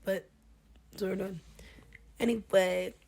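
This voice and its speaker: Podcast co-host, young woman, sick and hoarse, dark husky tone, easygoing chat. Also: mid-range voice, steady tone, unhurried. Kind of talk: casual chat.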